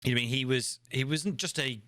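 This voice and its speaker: A man's voice: mid-range voice, fast, sharp tone, no echo. An older man narrating as game master of a tabletop game, rambling with fillers.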